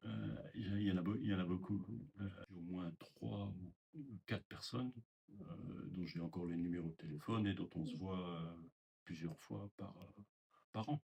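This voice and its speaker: A man's voice: deep voice, moderate pace, creaky, dark tone, breathy edge. An older man giving a reflective interview testimony about his past, speaking hesitantly with many fillers and restarts. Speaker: former resident interviewee.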